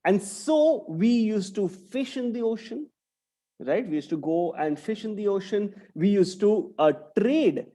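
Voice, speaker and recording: A young man gives an online talk to young schoolchildren over a video call as a guest speaker, tagging many sentences with a questioning "right?". His voice sits high, expressive and mellow, at a measured pace.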